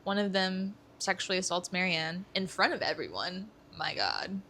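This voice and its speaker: A woman's voice: lowish voice, animated, normal speed, bright, forceful tone. A young woman co-hosting a casual book-discussion podcast, eager and thinking aloud as she talks. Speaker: podcast co-host.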